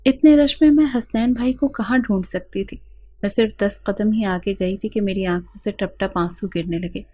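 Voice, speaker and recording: A woman's voice: medium pitch, dark tone. A woman narrating a first-person audiobook in an earnest, plaintive storytelling manner.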